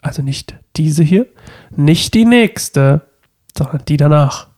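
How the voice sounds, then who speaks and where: Chatting slowly on a casual couple podcast from his living room, a young co-host with a stuffy cold stays playful and rambling. His fairly high voice is animated, with a darkish tone.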